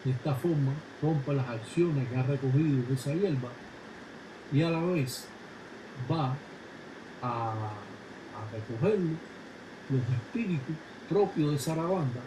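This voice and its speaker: A man calmly explaining religious rituals in a measured, instructive way. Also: medium pitch. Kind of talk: explanatory narration. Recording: echoey room with background noise.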